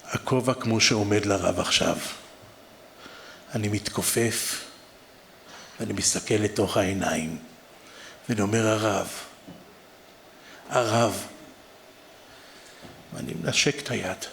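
Gravelly, impassioned Israeli preacher man. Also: lowish voice, long pauses, a little hiss or hum. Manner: impassioned, swelling to near-shouts. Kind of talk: emotional storytelling sermon.

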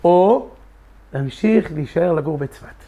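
Impassioned high-voiced middle-aged man. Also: lively intonation, warm tone, lo-fi sound. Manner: impassioned, reenacts his own pleading in dialogue. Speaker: storyteller sharing a personal testimony. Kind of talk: emotional first-person storytelling.

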